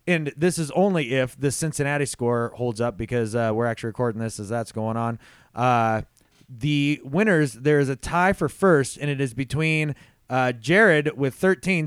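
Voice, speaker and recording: A man co-hosting a casual sports podcast, laid-back and quick to laugh, with a habit of casual swearing. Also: mid-range voice, clean tone, no room sound, studio quality. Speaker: podcast co-host.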